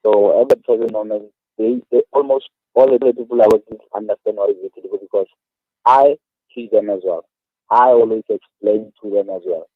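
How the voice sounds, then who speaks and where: South african guy in his 30s on a tinny phone line, lowish voice, earnest, stops and restarts a lot. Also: steady tone, no room sound. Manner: earnest, halting, repeats words. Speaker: guest, awareness activist. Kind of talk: phone-in radio interview.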